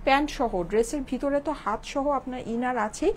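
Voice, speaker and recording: A Bangladeshi woman selling clothes on a live stream, chatty and a little hoarse from a cold, checking in with viewers after almost every line. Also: high-pitched, fast talker, slight background noise. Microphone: phone with clip-on mic.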